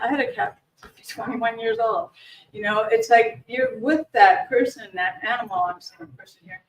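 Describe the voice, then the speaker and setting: Woman presenter in an echoey room. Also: on the high side. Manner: conversational, often restarts and repeats words. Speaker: grief educator leading a workshop. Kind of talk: informal workshop presentation. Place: meeting room with a live audience. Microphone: distant room mic. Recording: echoey room, voice far from the mic.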